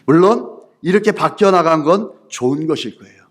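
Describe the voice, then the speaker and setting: A man's voice: a little high, animated, a little fast. A male pastor preaching a Sunday sermon, retelling scripture as a story and often asking the congregation rhetorical questions. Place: church sanctuary.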